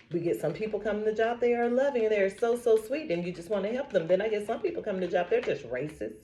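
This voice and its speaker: A woman talking casually to her camera as a vlogger, telling stories with lots of laughter and repeating affirmations like a preacher. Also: medium pitch. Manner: animated storytelling, frequent laughter.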